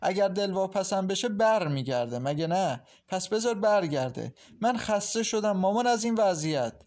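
A man's voice: sits high, animated, a little mellow, pitched above the performer's own voice. A man voicing a weary but resolute young woman, firm and aggrieved, in an audiobook novel.

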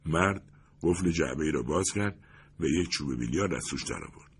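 A man calmly narrating an audiobook in an even storytelling manner. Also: very deep voice, a little hiss or hum.

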